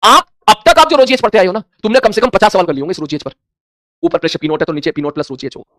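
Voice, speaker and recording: A man's voice: high-pitched, racing, fairly bright tone, no room sound, studio quality. A man teaching a physics lecture, mixing in English terms and acting out his students' questions in dialogue. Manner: mixes Hindi with English terms. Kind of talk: classroom lecture.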